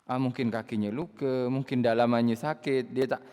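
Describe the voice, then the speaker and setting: A man giving a relaxed Islamic study lecture, chatting, laughing and acting out voices. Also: medium pitch, moderate pace, clean tone, in a large hall. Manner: conversational, laughing, acting out quoted speakers. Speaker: religious teacher.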